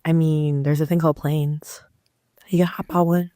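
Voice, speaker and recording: Young woman w a low voice, playful podcast cohost, chimes in a lot, dry close mic. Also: little pitch movement, normal speed, warm tone, no room sound. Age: young adult. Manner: playful, teasing, jumps in with reactions. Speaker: podcast co-host. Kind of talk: casual chat.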